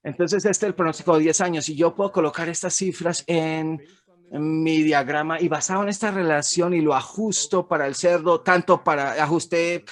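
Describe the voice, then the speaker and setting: A man's voice: a little high, steady tone, moderate pace. A man, an economist, giving a frank, emphatic webinar presentation over slides, with some fillers and restarts. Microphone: webinar recording.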